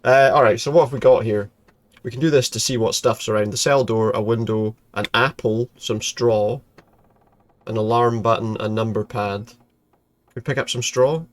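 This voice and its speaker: A man commentating casually over a game he is playing. His voice is mid-pitched, and he jokes dryly, often echoing what was just said. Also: steady tone, moderate pace. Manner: dry, joking, echoes game lines. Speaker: gamer commentator. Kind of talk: casual let's play commentary.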